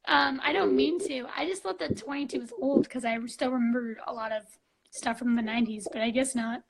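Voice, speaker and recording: A young woman in her twenties hosts a casual live stream, her voice sitting high with a gravelly fry at the ends of phrases. She gushes in a bubbly way, peppering her talk with "like" and "um", heard through a phone mic. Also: fairly quick, poor audio. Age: 20s. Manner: gushing and bubbly, full of "like" and "um".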